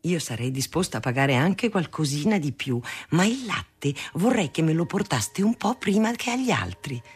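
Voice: mid-range voice, big pitch swings, normal speed, slightly rough. A reader voicing a fussy, genteel aunt making a polite special request. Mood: wheedling.

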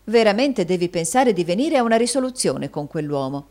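A woman's voice: medium pitch, very animated, brisk, a little mellow, natural voice. A woman reading a storybook voices a fond, fussy middle-aged wife who runs a dressmaking shop, exclaiming and affectionate.

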